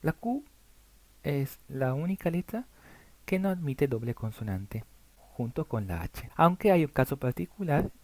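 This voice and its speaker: A man's voice: on the high side, very animated, no room sound. Italian-native man teaching pronunciation. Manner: slow, careful spelling out of letters and examples. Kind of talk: slide-based alphabet lesson.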